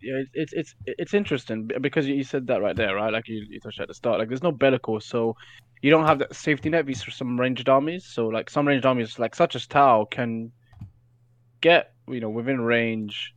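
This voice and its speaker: A man's voice: medium pitch, moderate pace, dry recording. A man speaking as a guest on a casual gaming podcast, breaking down game strategy with frequent fillers and restarts. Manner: hesitant, many fillers and restarts, analytical.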